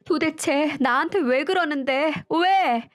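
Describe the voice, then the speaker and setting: A woman's voice: on the high side, moderate pace, soft background music, close to an everyday voice. A woman voicing a distraught young wife in a radio drama, with a tearful, trembling and accusing delivery. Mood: shouting.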